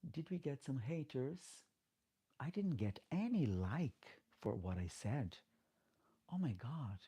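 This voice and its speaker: A drag queen out of drag, a man with a Portuguese-speaking accent, chats casually on a late-night livestream, reading comments aloud and pleading for likes. His medium-pitched voice is warm and slightly rough.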